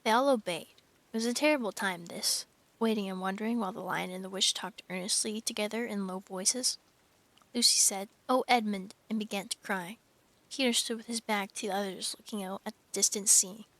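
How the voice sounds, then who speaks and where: A woman's voice: medium pitch, fairly quick, fairly bright tone. Young woman streaming a casual read-aloud. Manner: wry asides, coos to her cat. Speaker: streamer reading a book live. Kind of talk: casual live-stream book reading.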